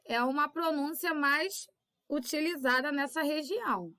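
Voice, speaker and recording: A woman's voice: sits high, measured pace, sharp tone. A woman teacher, giving a recorded lesson to children and patiently checking in with little tag questions. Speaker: primary school teacher.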